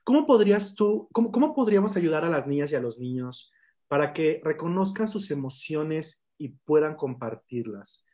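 A man's voice: a little high, sing-song, moderate pace, mellow. A man hosting, thanking the guest and asking follow-up questions. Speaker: host. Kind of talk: interview questions.

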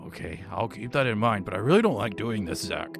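A man plays in character at a tabletop game. His voice is gravelly and his manner simple and plainspoken, with music underneath. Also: on the low side, animated, fast. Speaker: player. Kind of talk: tabletop role-play in character.

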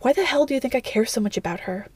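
A woman's voice: a little high, animated, very fast, darkish tone, husky, no echo. A woman voicing a guarded, scowling young male wizard who mutters curt replies in a fan fiction audiobook. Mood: irritated.

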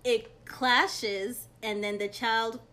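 A woman's voice: on the high side, steady tone, drawn-out words, sharp tone. A woman who grew up between Ghana and America, talking through her thoughts in an earnest, reflective way in a casual conversation.

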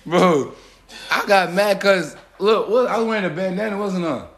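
A man with a slightly raised pitch recounts a night out, relaxed and profane. His voice carries the ring of an echoey room. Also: moderate pace. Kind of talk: casual chat, telling a story.

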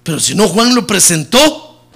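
A man preaches a sermon in a high, lively voice that swoops widely in pitch. He is a middle-aged pastor who mixes jokes into his message. He climbs to loud emphatic peaks, then drops low and soft when addressing his listeners. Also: unhurried, vocal fry. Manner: preaching with humor, rising loud on key points and dropping low and soft on "hermano".

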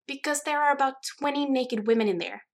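A woman voicing a bubbly, eager young friend with a high, excited voice. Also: moderate pace. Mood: eager coaxing.

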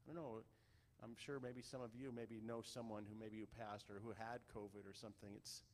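A man preaching a conversational sermon as a pastor, rambling and halting with many restarts. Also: fairly low pitch, little pitch movement, slight background noise. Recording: long reverb of a large room.

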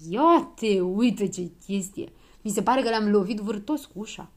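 A woman's voice: mid-range voice, very animated, darkish tone. A woman voicing a clumsy, sheepish little boy in a children's audiobook, mumbling awkwardly.

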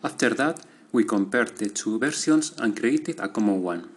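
A man, a student, reading out a prepared class diary in a steady, methodical way. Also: fairly low pitch, normal speed, slightly rough.

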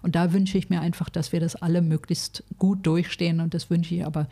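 A woman in her sixties from Berlin, who grew up in West Berlin and manages a food bank, speaks frankly as a guest in a casual interview, full of fillers and restarts. Her voice is lowish and dark in tone, with little pitch movement and a slightly fast pace.

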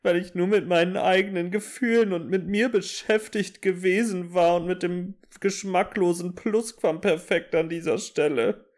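A man's voice: high voice, fairly even intonation, normal speed, few pauses, a little mellow, voice pushed up, lightly acted. A man voicing a distraught, tearful young woman in a mock-dramatic story reading. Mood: pleading.

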